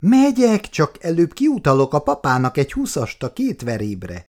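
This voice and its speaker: Bubbly young daughter, teasing and high, a man doing her voice, voice jumps around a lot. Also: huge pitch swings, a little mellow. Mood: chirpy. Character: cheerful young adult daughter, lively and teasing.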